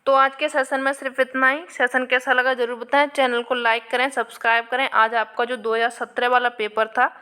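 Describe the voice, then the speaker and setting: With a fairly high, flat voice that is pushed, bright and clean, this woman teacher talks a little fast with hardly any pauses. She walks students through past exam questions, explaining each answer, repeating key points, and often addressing viewers with "आपके."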